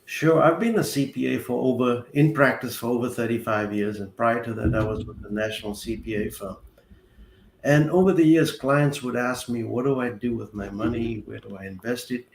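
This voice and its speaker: Gravelly older man from South Africa. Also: mid-range voice. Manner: measured, explains with worked examples. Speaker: guest, accountant. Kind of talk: explaining finances in an interview. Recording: roomy echo with faint ambient noise.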